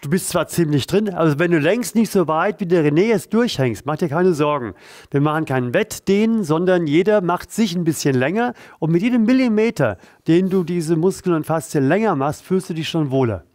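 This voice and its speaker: A man with a fairly high, expressive, slightly mellow voice speaks briskly in a studio-quality recording with no room sound. As a pain therapist demonstrating a back stretch, he coaches a partner through it while addressing the viewer directly and encouragingly.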